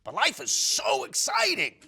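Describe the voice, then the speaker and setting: Man voicing Clark the Shark, excitable, high-pitched kid. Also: unhurried, vocal fry, full character voice. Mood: excited. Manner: excitable, emphatic, exclaiming. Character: exuberant young boy shark, boisterous and eager. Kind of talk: children's picture-book character voice.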